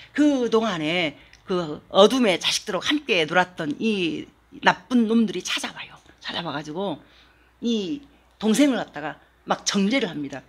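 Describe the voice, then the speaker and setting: A woman pastor preaching a story-driven sermon, dropping to a hushed near-whisper and then rising to emphatic exhortation. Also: on the low side, breathy edge.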